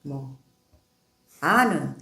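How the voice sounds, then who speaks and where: A woman's voice: sits low, animated, drawn-out words, gravelly, sharp tone. A middle-aged woman in a casual talk with her husband, teasing, laughing often and asking "응?" to check he follows. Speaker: wife in a couple's talk. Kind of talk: casual chat. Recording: roomy echo.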